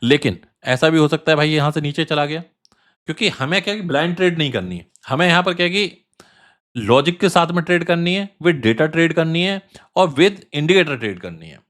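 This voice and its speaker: A man hosting a crypto trading channel, talking casually through chart analysis, repeating phrases for emphasis and filling pauses with fillers. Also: a little high, lively intonation, fairly bright tone.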